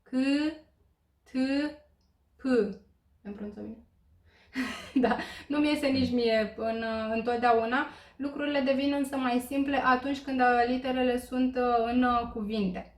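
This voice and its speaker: A woman teaching a language lesson, explaining slowly with many filler pauses and checking in with listeners. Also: a little high, fairly even intonation. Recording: echoey room.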